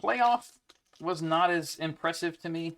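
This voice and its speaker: A man in his young adult years runs a card break from home. His voice sits at an ordinary middle pitch, and he chats in an easygoing way, reeling off player names between asides. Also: lively intonation, normal speed, fairly bright tone. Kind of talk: casual chat while opening card packs.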